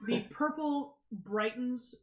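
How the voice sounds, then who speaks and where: A woman's voice: on the high side, takes it slowly. A woman working as game master, narrating a tabletop game casually in an echoey room.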